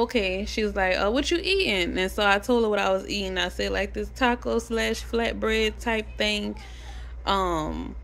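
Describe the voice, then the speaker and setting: A young adult woman vlogging, telling a casual story to camera, animated and chatty, swearing freely. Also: fairly low pitch, gravelly, slight background noise.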